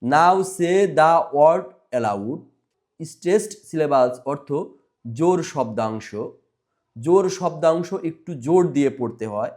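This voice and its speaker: Man teaching English stress, slow reads. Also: a little high, animated, a little mellow. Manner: reads English lines very slowly, explains in Bengali. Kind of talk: textbook lesson reading.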